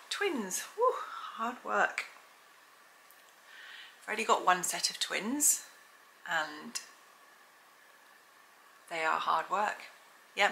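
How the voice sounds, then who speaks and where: Woman in her 40s, vlogging, a bit out of breath, chatty, slightly low and gravelly. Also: slight background noise, poor audio. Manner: chatty, upbeat, breaks into excited whoops. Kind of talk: casual pregnancy update vlog.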